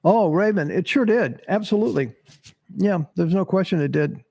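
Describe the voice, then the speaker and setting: A man's voice: sits high, animated, normal speed, vocal fry, a little mellow, no echo. A man hosting casual sports commentary, blunt and swearing freely, laughing at himself as he answers chat. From Tennessee. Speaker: sports podcast host. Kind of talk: casual live-stream commentary reading chat.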